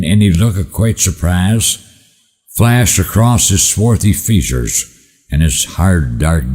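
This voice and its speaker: A man with a folksy cowboy drawl recites rhyming cowboy poetry, haltingly repeating words and letting line endings fall away slowly. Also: sits low, a little mellow. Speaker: cowboy poet. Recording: echoey hall with long reverb.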